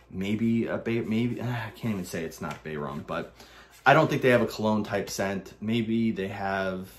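A man with a Brooklyn New York accent, casually reviewing a bar of soap in a rambling way, full of restarts. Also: lowish voice. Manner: rambling, many restarts and fillers.

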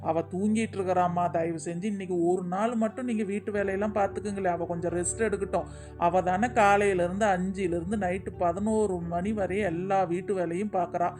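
A voice actor playing a young husband and son in a cartoon, pleading with his mother to calm down. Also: mid-range voice, soft background music, close to an everyday voice. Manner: pleading, fast. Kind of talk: cartoon voice acting.

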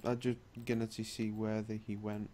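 A man's voice: lowish voice, little pitch movement, normal speed, mellow. A man playing a tabletop game who states his moves in a blunt, decisive, casual way. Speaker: player.

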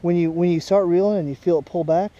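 A young father talks casually while fishing at a pond, patiently coaching his son, with a body-worn action camera recording him outdoors. His high, warm voice moves fast with fairly even intonation, and the recording is muffled.

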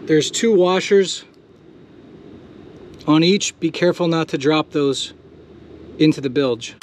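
A man's voice: on the high side, slow, a little mellow, a little hiss or hum. A man walking through a jet ski repair step by step in a casual, practical way, filming it himself outdoors. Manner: casual, step-by-step, swears when frustrated. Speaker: DIY mechanic host. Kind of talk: hands-on repair tutorial.

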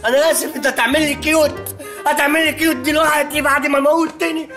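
A breathless, whining young man who is dazed and sure he is dying, speaking with an Egyptian accent. His voice sits high and his words tumble out very fast. The scene comes from a comedy series. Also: level tone, over music. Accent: Egyptian Arabic.

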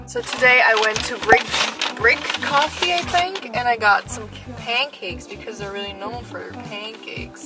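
A young woman from Canada chatting casually in a food vlog, bubbly and enthusiastic as she shows and tastes dishes. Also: fairly high pitch. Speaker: food vlogger. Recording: music playing underneath.

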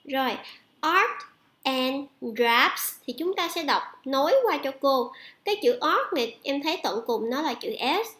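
Female teacher with a Vietnamese accent, high voice, roomy echo, slow drilled repetition. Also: expressive, fairly bright tone. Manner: slow, drawn-out repetition of words for students. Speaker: English teacher. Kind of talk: online lesson, switching between Vietnamese and English.

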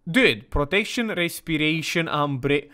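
A man hosting a casual let's-play, playful and mock-villainous, breaking into excited outbursts. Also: fairly high pitch. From Romania. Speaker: gaming channel host.

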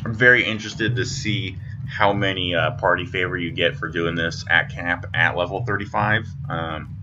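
A man's voice: sits low, fairly even intonation, normal speed, lo-fi sound. A man giving casual, unscripted commentary on a video game as he plays. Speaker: gamer commentator. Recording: game music behind the voice. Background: video game music and sound.

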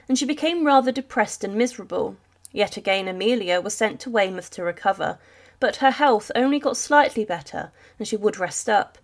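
A woman tells a royal history story as a voice-over. Her delivery is a steady, sombre reading with a mid-range pitch for a woman, paced like a documentary narrator.

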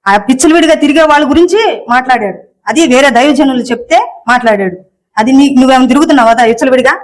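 Woman, mid pitch, quick challenging questions, rant delivery. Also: low-quality recording. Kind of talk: angry rant.

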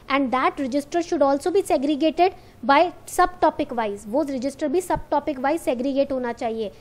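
A woman's voice: sits high, darkish tone. A young woman with an Indian English accent, teaching an online exam-prep lesson, mixing English and Hindi and often checking that students follow.

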